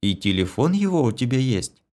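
A man voicing a blunt, quick-tempered young woman in a storybook reading. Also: mid-range voice, big pitch swings, darkish tone, pitched above the performer's own voice, lightly acted. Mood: curious.

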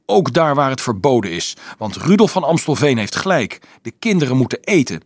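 A man voicing an excitable small boy archer who calls himself king, talking in shrill, gleeful shouts in an audiobook. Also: brisk, husky, no room sound, studio quality.

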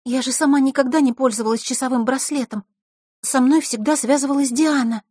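A woman's voice: high-pitched, steady tone, fairly quick, warm tone, husky, no room sound, studio quality, voice pushed up. A woman voicing a worried young girl at summer camp who speaks in a frightened half whisper.

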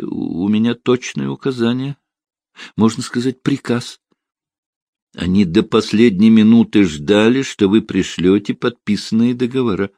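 A man voicing a nervous, jittery male factory lawyer in an audiobook, flustered and turning shrill when upset. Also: mellow, no echo.

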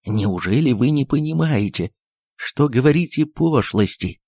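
A man voicing an aging doctor who is bitter and weary, who shouts shrilly in fits and otherwise speaks in a tired, resigned way. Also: mid-range voice, lively intonation, measured pace, breathy edge, no room sound, clean studio sound, voice pushed up. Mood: indignant.

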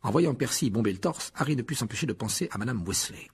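A man narrating an audiobook chapter in an expressive storytelling way. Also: medium pitch, fast talker, creaky, breathy edge. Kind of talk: scripted narration.

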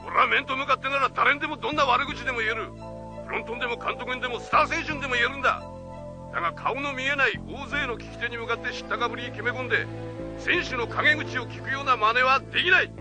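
An actor playing a gruff, blunt, proud former baseball player who talks rough and plain. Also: male voice, extremely high pitch, quick pace, over music. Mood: angry. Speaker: ex-baseball player turned commentator.

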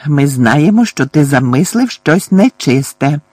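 A man voicing a shrill, scornful middle-aged aunt in an audiobook, accusing and sharp-tongued. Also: lively intonation, measured pace, husky, dry recording. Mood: angry.

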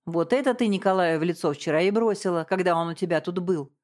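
A woman reading a story, voicing a cold, sarcastic wife who speaks in a slow, condescending drawl. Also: on the low side, a little mellow, natural voice. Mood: mocking.

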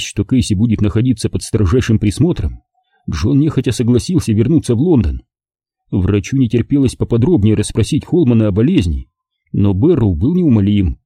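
A male audiobook narrator tells a tense scene in a measured, expressive way. His voice is low, very dark and husky, with lively pitch movement. The recording is bone-dry and close to the microphone. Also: no room sound. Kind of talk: scripted narration.

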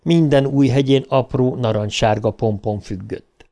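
A male audiobook narrator with a mellow, warm tone. He reads in a measured, even storytelling manner at a middle pitch.

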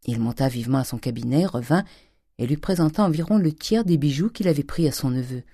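A reader narrating a classic novel in a steady, measured way. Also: mid-range voice, no room sound, clean studio sound. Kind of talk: audiobook reading of a classic novel.

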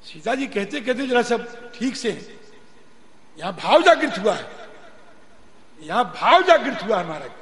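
A man giving a religious discourse, explaining scripture and chanting its verses in a slow, drawn-out way. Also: high-pitched, very animated, a bit bright. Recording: long hall reverb, faint noise.

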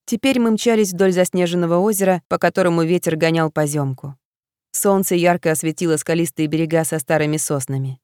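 Low-voiced young woman narrating a novel. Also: darkish tone, clean tone, dry recording, clean studio sound. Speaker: audiobook narrator. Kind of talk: first-person audiobook narration.

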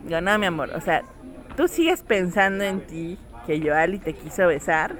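A woman's voice: fairly low pitch, lively intonation, moderate pace. A woman telling a family story in casual chat, acting out the voices of her child and others.

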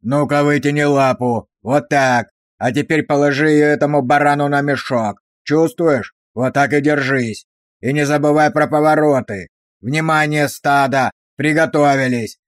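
A savage drill sergeant, put on by a male narrator hurls abuse at his recruits, drawing out every word for weight. The voice sits a little high and the recording is dry and close. He snarls, drags out his commands and keeps the pressure up. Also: steady tone, dry recording, lightly acted. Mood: commanding. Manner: barking insults, slow hammering emphasis.

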